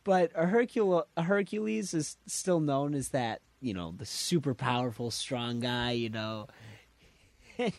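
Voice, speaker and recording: A man's voice: mid-range voice, a little slow, no room sound. A man in casual chat who tells stories animatedly and laughs often.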